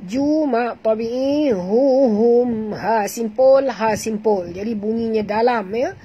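Teaching tajwid online with a Malaysian Malay accent, this woman explains and demonstrates recitation, patiently repeating sounds and fixing pronunciation. Her pitch is fairly high but her tone dark and slightly rough, and she takes things slowly. The sound is lo-fi.

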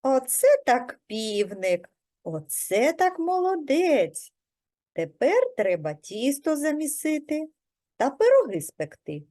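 A pair of lazy, playful mice pipe up in squeaky, whiny voices, as a woman puts them on for a children's story. The voices ride high and bounce around, and they are drawn out slowly. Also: huge pitch swings, warm tone, dry recording, clean studio sound, full character voice. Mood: eager.

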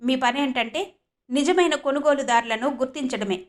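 A woman's voice: high voice, moderate pace, close to an everyday voice. A woman voicing an arrogant, dismissive male general manager.

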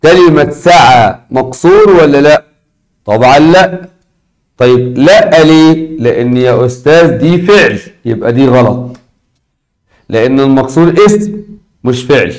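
In a recorded lesson, this teacher speaks with an Egyptian Arabic accent in a medium-pitched, expressive voice. He slowly repeats important words and puts questions to his students.

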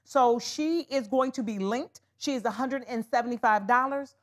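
A woman's voice: a little high, moderate pace. A woman hosting a live wig sales show, talking casually to viewers, calling them honey and y'all as she pushes the deals. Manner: chatty, calls viewers honey and y'all, hard-selling. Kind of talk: live shopping stream chat.

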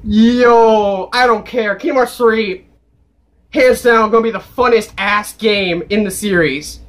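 A young man reacting to a video game trailer, excitable, yelling and cursing. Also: sits high, measured pace.

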